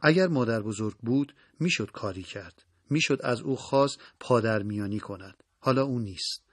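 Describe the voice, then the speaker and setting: A man narrating a story in a calm, measured way, in a voice of middle pitch. The recording is very dry and close, with no room sound. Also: no room sound. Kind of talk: audiobook narration.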